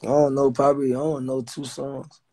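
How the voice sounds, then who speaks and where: A man's voice: mid-range voice, flat delivery, normal speed, warm tone, breathy edge. A man hosting a livestream on his phone, talking bluntly and teasing callers with plenty of profanity. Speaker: livestream host. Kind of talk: casual livestream chat.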